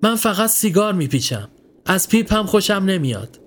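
A man's voice: sits high, lively intonation, a little hiss or hum, voice pushed up. A man voicing a stubborn nine-year-old boy standing guard, answering tersely and defensively.

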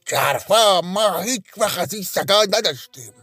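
A man's voice: high voice, dry recording, faint music behind, voice pushed up, close to an everyday voice. A man voicing a reluctant household cook answering dismissively in a storybook reading.

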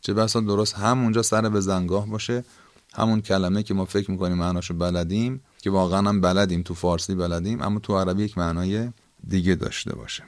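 Low male voice, Iranian Persian accent, close dry sound, didactic lesson on word meanings, conversational. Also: little pitch movement, no room sound. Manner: didactic, conversational, repeats and rephrases key points. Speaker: Quran teacher.

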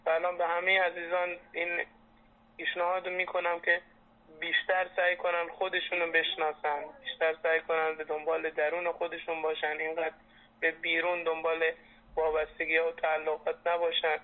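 A man's voice: a little high, monotone. A man in his late twenties speaking earnestly and reflectively in a phone conversation, heard over a muffled landline. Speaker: interviewee, former patient. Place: telephone call.

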